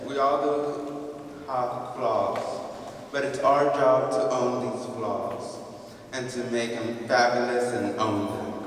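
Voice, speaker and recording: A man reciting spoken word poetry slowly and earnestly, calling on the crowd to repeat after him. His voice comes from far off in a large hall with a long, echoing reverb. Steady background noise hangs under his words. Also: mid-range voice. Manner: earnest, urges the audience to chant along. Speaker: poet at a reading. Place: large indoor hall with an audience.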